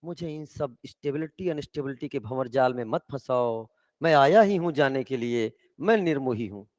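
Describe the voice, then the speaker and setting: A man's voice: medium pitch, lively intonation, normal speed, voice pushed down, lightly acted. Man voicing an aloof, detached diazonium ion. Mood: refusing. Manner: quiet, detached, repeating himself. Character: aloof male diazonium ion, calmly renouncing family. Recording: echoey hall, dull lo-fi sound.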